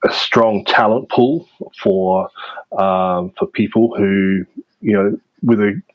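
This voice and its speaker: A man answering interview questions in a measured way, with many fillers and restarts. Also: on the low side, no room sound, highs cut off. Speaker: interview guest, media producer. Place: based in Vietnam.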